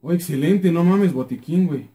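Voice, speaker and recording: A young Mexican man with a Mexican accent, commenting on his own gameplay, excitable, swearing freely and muttering repeated words under his breath. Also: a little high, moderate pace. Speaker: gaming YouTuber.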